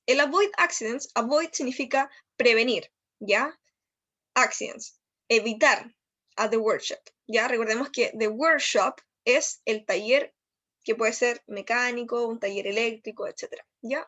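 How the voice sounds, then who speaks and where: Chilean woman, English teacher, high voice, keeps asking "¿ya?" as she explains, slows down on the English examples. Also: fairly bright tone. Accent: Chilean Spanish. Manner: explanatory, frequent "¿ya?" checks. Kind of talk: recorded online lesson.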